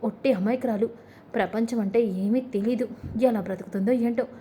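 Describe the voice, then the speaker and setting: A woman's voice: on the high side, steady tone, normal speed, slight background noise, natural voice. A woman doing a bossy doting old grandmother. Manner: scolding and fussing, sharp when crossed.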